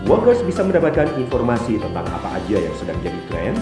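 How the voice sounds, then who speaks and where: A man's voice: lowish voice, big pitch swings, fast talker, reverberant, music in the background. A man presenting a channel with an upbeat announcing style. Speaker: channel host. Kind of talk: promotional announcement.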